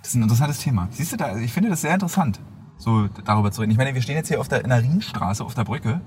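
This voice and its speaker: Animated, fast-talking male podcast host. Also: medium pitch. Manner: animated, jokey, laughs a lot. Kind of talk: casual chat. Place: in a car. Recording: car cabin noise.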